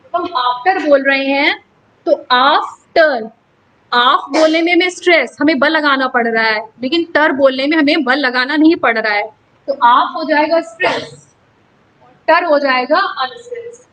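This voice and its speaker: A woman teacher giving a lesson on English pronunciation, slowly spelling out syllables and stressing words. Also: high-pitched, fairly bright tone, rough recording.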